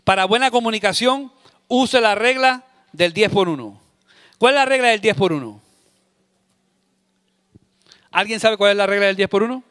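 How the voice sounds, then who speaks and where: A man preaching a sermon as a pastor, emphatic, repeating key phrases and swinging between loud and soft to act out scenes. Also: high-pitched, expressive, fairly quick, clear, resonant tone, no echo, clean studio sound.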